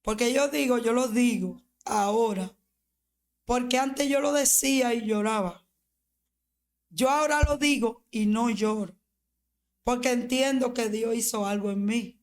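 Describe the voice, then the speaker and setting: A woman pastor tells her personal testimony slowly and earnestly, leaving long pauses as she speaks. Her voice sits a little high for a woman, and her pace is deliberate and measured.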